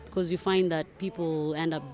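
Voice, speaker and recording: A woman's voice: sits low, steady tone, fairly quick, a little mellow. A young woman, a student answering a street interview outdoors into a handheld mic, thoughtful with many fillers. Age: young adult. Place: outdoors among plants.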